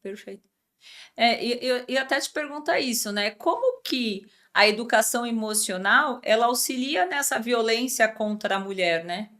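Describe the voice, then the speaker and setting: A woman's voice: on the high side, animated, moderate pace, a bit bright. Brazilian woman hosting an interview. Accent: Brazilian Portuguese. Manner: affirming, asks follow-up questions. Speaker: podcast host. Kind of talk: conversational podcast interview.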